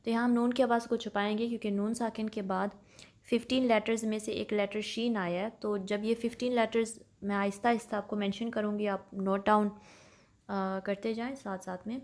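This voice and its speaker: A woman teaches Quran recitation at a patient, step-by-step pace, mixing in English terms. Her pitch sits in the middle range. When she gives examples, she recites slowly and more loudly. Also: little pitch movement. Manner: patient, explains each sound step by step, checks in often; slows and recites Arabic examples louder. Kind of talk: tajweed lesson mixing Urdu and English.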